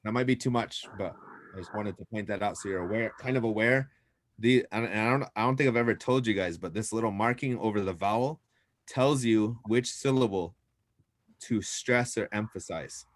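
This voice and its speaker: Low-voiced patient language teacher man. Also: moderate pace, no room sound. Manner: patient, explains step by step. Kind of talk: classroom language lesson.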